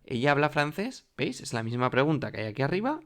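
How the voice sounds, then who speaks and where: Teaching French to a class of Spanish speakers, this man talks fast in a slightly high, sing-song, somewhat bright voice. His patient, explanatory style keeps checking in with students, peppered with "¿vale?" and "mirad."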